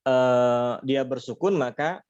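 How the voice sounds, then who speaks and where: A man teaching a recitation lesson online, explaining patiently with many fillers and demonstrating letter sounds slowly. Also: medium pitch, darkish tone, smooth. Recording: slightly dull lo-fi audio.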